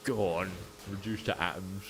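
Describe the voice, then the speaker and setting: A man's voice: low-pitched, steady tone, normal speed, music in the background. A man hosting a game stream, chatting casually with a friend, laughing often and teasing dryly. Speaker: streamer host.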